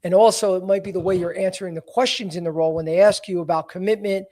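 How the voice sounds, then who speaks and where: A man in his forties with a notably high voice, hosting a casual career-advice podcast. He talks bluntly and emphatically and keeps it real, with frequent "you know" fillers. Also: steady tone, fast, a little mellow. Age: 40s. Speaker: podcast host, career coach.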